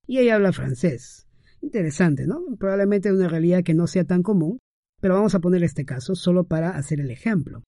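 A man's voice: high voice, dark tone, dry recording, clean studio sound. A middle-aged man hosting a podcast, talking in a casual, conversational monologue with frequent fillers and tag questions. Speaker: podcast host.

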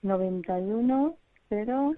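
A woman's voice: medium pitch, unhurried, dry recording. An older woman calling in over the phone, chatty and repeating back what she is told. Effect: heard over the phone. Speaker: caller. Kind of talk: casual call-in chat. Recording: dry narrow phone line.

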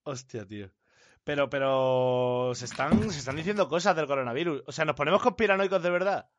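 A man's voice: fairly high pitch, a little fast, no room sound. A man with a Castilian Spanish accent chatting casually as a streamer. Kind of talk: casual chat. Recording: slightly dull, close dry microphone.

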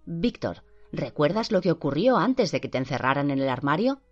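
Un interrogador sereno que indaga con suavidad, puesto por una mujer de voz baja. La grabación suena sorda y de baja fidelidad. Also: female voice, sits low, normal speed. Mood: calm. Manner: calm, gently probing questions. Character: calm, patient male interrogator. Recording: dull lo-fi with faint music.

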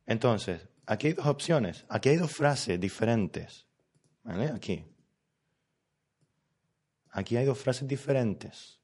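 A man's voice: medium pitch, expressive, slow pace, long pauses, darkish tone, breathy edge. A man teaching a live online language lesson, patient and explanatory, who checks often that his students follow. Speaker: Spanish teacher.

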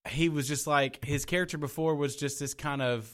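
A man co-hosting a podcast, talking in a casual, animated way with lots of restarts and trailing thoughts. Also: on the high side, moderate pace. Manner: animated, rambling, frequent restarts. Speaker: podcast co-host. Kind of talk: casual chat.

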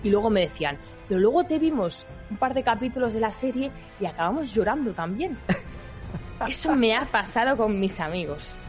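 A woman's voice: a little high, big pitch swings, normal speed, faint music behind. Chatty woman telling stories. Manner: chatty, storytelling with many fillers and restarts. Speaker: content creator and podcast guest. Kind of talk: casual podcast interview.

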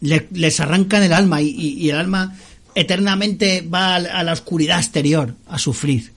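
A man running a tabletop game as game master, with a fairly high-pitched voice. He explains rules at length and keeps checking in with his players. Now and then he laughs along with the table. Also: moderate pace, a bit bright.

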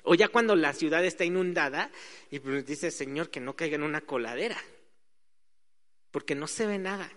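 Man, sermon, conversational, high voice, echoing hall. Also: expressive, moderate pace, fairly bright tone. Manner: conversational, acts out little quoted voices. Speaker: preacher. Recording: hall reverb.

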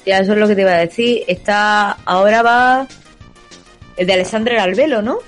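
A woman co-hosting a podcast, briskly reading out listener comments and teasing her co-host. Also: medium pitch, faint music behind.

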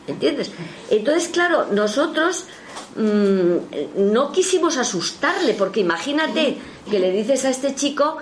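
A woman telling a spiritualist story in a casual spoken anecdote, her voice leaping in pitch when she quotes others. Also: sing-song, takes it slowly, a little hiss or hum. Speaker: storyteller recounting a spiritualist session.

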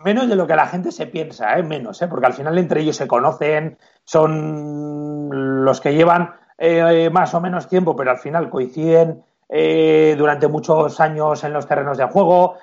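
A man's voice: fairly high pitch, normal speed, creaky, dull audio. A man from Spain with a Navarrese accent, a football referee talking casually in an interview and acting out exchanges with players. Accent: Navarrese Spanish. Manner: acts out player exchanges in animated quoted voices.

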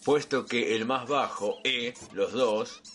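A man's voice: medium pitch, takes it slowly, a bit bright, soft background music. A young man with a Rioplatense accent, co-hosting a comedy podcast. He reads clumsy fan fiction aloud with mock earnestness and trips over the awkward phrasing. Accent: Rioplatense Spanish. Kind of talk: comedic dramatic reading.

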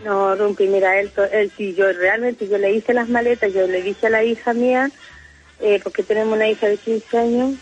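A woman's voice: medium pitch, fairly even intonation, normal speed, breathy edge, muffled recording. A middle-aged Chilean woman calling in to a radio show, telling a story in an emotional, rambling way. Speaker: caller. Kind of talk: phone-in confession.

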